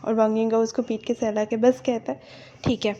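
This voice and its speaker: High-voiced woman retelling a story. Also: little pitch movement, fast, warm tone. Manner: chatty, filler-heavy, mixes English words. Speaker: fanfiction narrator. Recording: dull lo-fi recording.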